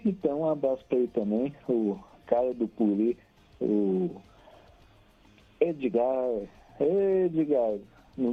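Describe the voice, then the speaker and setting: A Brazilian man with a slightly rough mid-range voice calls into a radio program, cheerfully chatting, laughing often and listing many names as shout-outs. The call is casual. It comes over a tinny, crackly phone line that keeps cutting out, with faint music behind it.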